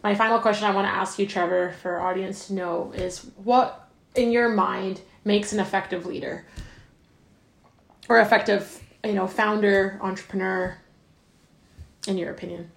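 A woman's voice: mid-range voice, steady tone, normal speed, vocal fry. A woman hosting a podcast interview, chatty and effusive with a lot of fillers. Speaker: podcast host. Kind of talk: casual interview chat. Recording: roomy echo.

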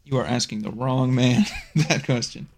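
An easygoing man in a mid-range voice, trading stories in a casual podcast chat. He laughs often and keeps a relaxed, chatty manner. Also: medium pitch, normal speed, gravelly, slight background noise. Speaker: podcast co-host.

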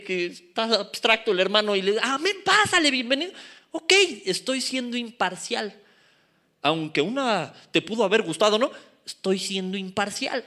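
A male preacher, teaching scripture in an animated, joking way. His voice sits high and swoops widely through each phrase. The tone is bright and forceful. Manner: animated, joking, asks the crowd to repeat. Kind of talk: lively preaching to a youth congregation.

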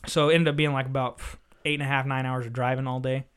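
A young man, telling a story in casual chat. He is animated and profane, acting out both sides of each exchange. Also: mid-range voice, fast, clean tone. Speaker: podcast host.

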